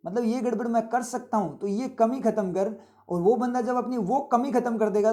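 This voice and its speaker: A man's voice: high voice, mellow. A man from India teaching vocabulary, explaining words over and over and often checking that students follow. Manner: repetitive explaining with frequent rhetorical checks. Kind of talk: vocabulary lesson with motivational asides.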